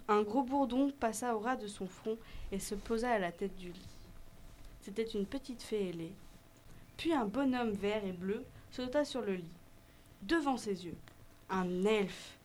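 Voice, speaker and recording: Gentle woman reading a children's story. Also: medium pitch, slight background noise.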